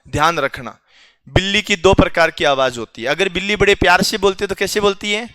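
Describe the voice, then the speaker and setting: A man's voice: high-pitched, fairly quick, pushed and bright, clean tone, dry recording, clean studio sound. A male teacher quizzing his students in a classroom, teasing and joking with them as he goes, with a Rajasthani Hindi accent.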